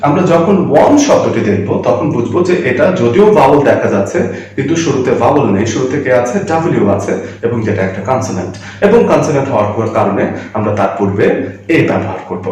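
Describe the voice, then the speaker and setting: A man explains English grammar with a lively, rising and falling voice. He repeats example words and answers his own questions. He speaks some way off the mic in a very echoey room. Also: medium pitch, fast, far from the mic. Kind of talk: classroom grammar lesson.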